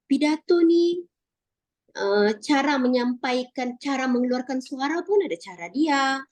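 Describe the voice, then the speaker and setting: High-voiced Malaysian woman, chatty. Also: measured pace. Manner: animated, many fillers and restarts. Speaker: public speaking club guest. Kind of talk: casual chat on speechmaking.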